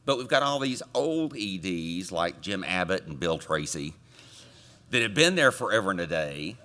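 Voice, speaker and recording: A man chairing a committee, delivering a conference report from a podium microphone with relaxed joking asides to the audience. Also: low voice, normal speed. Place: conference meeting room.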